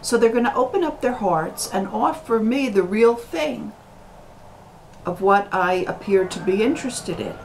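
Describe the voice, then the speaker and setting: An American woman talking to camera in a slow, deliberate monologue, full of pauses and fillers. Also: medium pitch, animated, slight background noise, low-quality recording. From United States. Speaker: video commentator.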